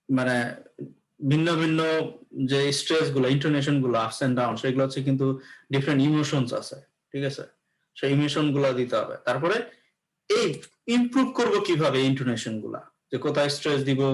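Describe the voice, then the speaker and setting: A man teaches an English lesson at a steady middle pitch. He explains things patiently and often pauses to check that his students are following. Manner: explanatory, repeats "okay" to check in. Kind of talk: classroom lecture.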